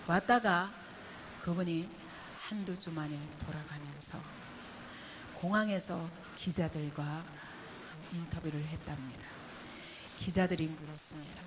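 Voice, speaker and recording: A middle-aged woman pastor preaching a sermon, swinging between quiet, low passages and loud, emphatic outbursts. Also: steady tone, measured pace, pauses often, background noise. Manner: impassioned preaching with sharp rises in pitch and volume. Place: church retreat hall.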